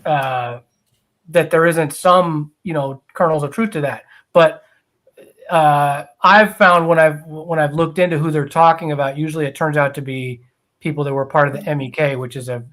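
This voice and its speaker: A man co-hosting a podcast, talking in a hesitant way with frequent pauses and restarts. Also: a little high, steady tone, a bit bright. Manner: hesitant, many fillers and restarts. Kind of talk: casual podcast talk.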